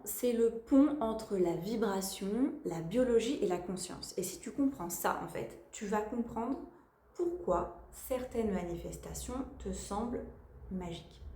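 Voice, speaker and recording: A woman's voice: medium pitch, warm tone, roomy sound. A woman giving a casual motivational talk as a spiritual coach, speaking to the listener in a familiar, slangy way.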